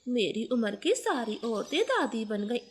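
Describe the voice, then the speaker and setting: A woman's voice: on the high side, sing-song, unhurried, slight background noise. A woman voicing a scolding old female sparrow mother-in-law in a storybook cartoon, speaking in a harsh, taunting tone.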